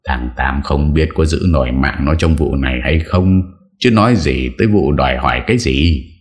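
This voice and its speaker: A man's voice: extremely low pitch, moderate pace. A man voicing a stern young martial-arts master who gives curt, firm orders. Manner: curt, commanding.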